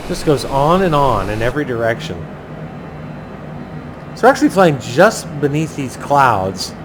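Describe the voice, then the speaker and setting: A man giving a casual flight commentary, chatty and thinking aloud in pilot jargon. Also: measured pace. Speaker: flight simulator pilot and host. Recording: clearly noisy, steady low engine-like rumble.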